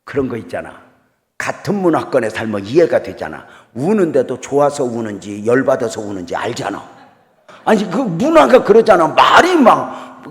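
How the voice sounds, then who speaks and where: A middle-aged man preaching a revival sermon as a guest pastor, swinging between loud exclamations and quiet storytelling and putting questions to the congregation. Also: on the high side. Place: church sanctuary. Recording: church hall reverb.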